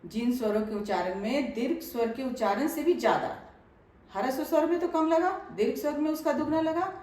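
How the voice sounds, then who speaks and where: A woman teaching a grammar lesson to children, patient and repeating phrases slowly, often checking whether they understood. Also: high voice, expressive, a little mellow, heavy reverb, recorded from a distance, rough recording. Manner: asks pupils if they understood.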